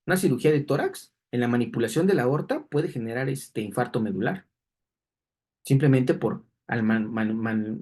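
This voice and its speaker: A man's voice: mid-range voice, a little mellow, husky. A man teaching anatomy in a classroom lecture, explaining diagrams and checking in with students through frequent tag questions.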